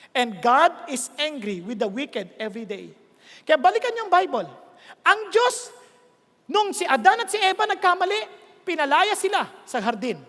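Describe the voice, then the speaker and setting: A man with a Filipino accent preaching a sermon in Tagalog and English, often stopping to check that his listeners are following and rising to emphatic shouts on key points. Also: extremely high pitch. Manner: keeps checking on listeners with quick questions. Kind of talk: Taglish sermon. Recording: long hall reverb.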